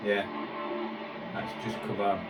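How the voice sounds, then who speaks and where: A man with a lowish, monotone voice talks slowly and casually while tuning a shortwave radio, music coming from the set. He's a shortwave radio hobbyist presenter, recorded in a roomy space on a distant mic with music in the background.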